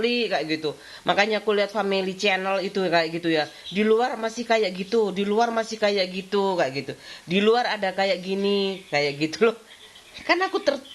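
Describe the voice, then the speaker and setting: Chatty Javanese-accented Indonesian housewife. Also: female voice, lowish voice, a little hiss or hum. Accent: Javanese-tinged Indonesian. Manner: rambling, repeats "kayak gitu", laughs often. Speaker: vlogger and housewife. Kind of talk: casual chatty vlog monologue. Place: at home while tidying.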